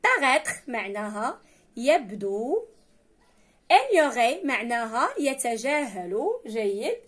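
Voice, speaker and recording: Husky Moroccan woman teaching French. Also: fairly high pitch, very animated, measured pace, a bit bright. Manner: switches between French and Moroccan Arabic, spells words letter by letter; encouraging, repeats words for drilling. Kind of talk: language lesson for students.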